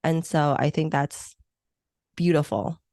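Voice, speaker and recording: Deep-voiced and slightly mellow, she takes her time with fairly even intonation. The guest is a Hong Kong–born meeting planner in her thirties who grew up in the U.S., first language Chinese or Vietnamese, and she's enthusiastic, reflective and filler-heavy in this interview, captured as clean studio sound without room noise.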